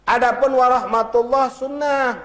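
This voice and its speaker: A man's voice: extremely high pitch, steady tone, fairly bright tone. A man teaching an Islamic study circle, stretching out Arabic phrases to show how to say them and talking to the audience in a folksy way. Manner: demonstrates pronunciation, drawn-out chanted Arabic phrases; addresses audience directly, folksy humor. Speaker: religious teacher.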